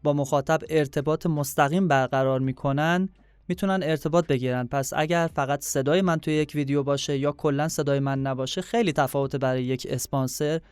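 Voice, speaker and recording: Smooth, higher-pitched young man. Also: fairly even intonation, a little mellow, dry recording, clean studio sound. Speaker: guest, YouTuber. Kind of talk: conversational interview answers.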